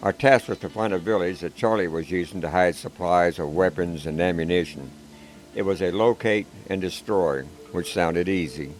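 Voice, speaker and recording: A man with a very low voice narrates a first-person story in a calm, measured, plain-spoken manner. Music plays clearly beneath him, and the audio is poor.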